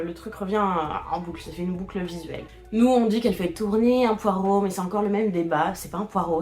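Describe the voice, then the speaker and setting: A woman narrating a casual explainer voice-over. She hesitates a lot, fills pauses and restarts her sentences. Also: medium pitch, a little mellow. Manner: hesitant, many fillers and restarts, laughs often. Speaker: video creator explaining internet history. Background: faint background music.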